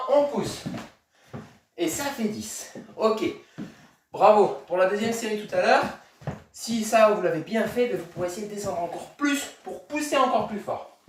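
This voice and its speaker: A man's voice: sits high, slight background noise. Male tennis coach, upbeat rep-counting instructor, heard from a distance in a reverberant room. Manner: counting reps aloud, encouraging; moving while talking, demonstrating exercises. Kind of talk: instructing a kids' home tennis workout.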